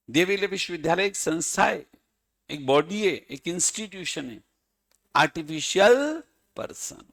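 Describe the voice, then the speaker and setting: A man's voice: high-pitched, creaky, a bit bright. A male teacher, lecturing a class in a playful manner and calling on students by name. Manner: playful, addresses students by name, chanting mock examples.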